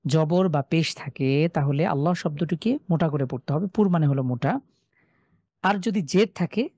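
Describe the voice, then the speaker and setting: A man teaching a live online class on Quran recitation rules, explaining each rule and then reciting examples slowly and drawn out. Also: on the high side, dark tone, no echo, studio quality. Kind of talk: online tajweed lesson.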